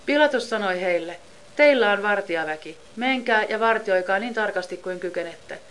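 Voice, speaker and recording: A woman reads scripture in a steady, measured voice. Her pitch sits in the middle of the range, and her delivery stays even from line to line. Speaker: scripture reader.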